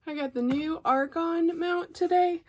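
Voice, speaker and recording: A woman's voice: very high voice, unhurried, no echo. A woman with an Arkansas Southern accent chats casually and a little hesitantly as she hosts an unboxing video, recorded on an overhead phone. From Arkansas, United States. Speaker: craft creator, unboxing host. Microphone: phone mounted overhead on a clamp.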